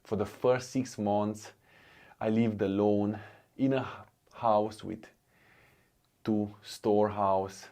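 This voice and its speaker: A man from Romania with a Romanian accent, in his thirties, telling his personal faith story in a slow, earnest way with many pauses. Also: lowish voice, steady tone, dark tone. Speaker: faith vlogger. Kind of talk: personal testimony.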